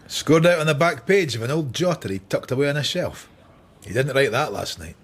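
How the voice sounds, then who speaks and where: An actor playing a wry, stubborn maverick detective inspector with a Scottish accent and a dry, sardonic manner in a radio drama. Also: male voice, medium pitch, lively intonation, a little fast, husky. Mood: dry, defiant. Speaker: lead actor and narrator. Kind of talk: radio drama acting and first-person narration.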